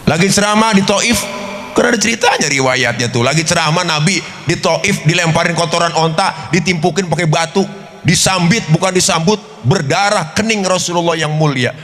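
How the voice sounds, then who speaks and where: A man's voice: fairly high pitch, fairly quick, soft background music. A man with a Betawi accent preaching a humorous sermon, joking and speaking directly to his listeners. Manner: jokey, animated, addresses the crowd directly. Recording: reverberant hall.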